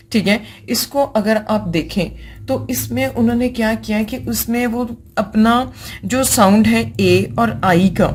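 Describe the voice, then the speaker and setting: Patient Pakistani woman teaching grammar. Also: medium pitch. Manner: patient, repeats example words slowly and often says "theek hai"; mixes English terms into her explanations. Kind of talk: classroom lecture explaining vowel sounds.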